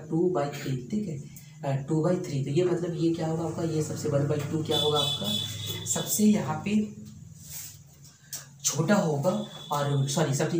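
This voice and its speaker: A man's voice: on the high side, darkish tone. A man teaching a math lesson, mixing Hindi with English terms, repeating phrases and asking rhetorical questions. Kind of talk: classroom math lecture. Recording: roomy sound from far off with faint noise.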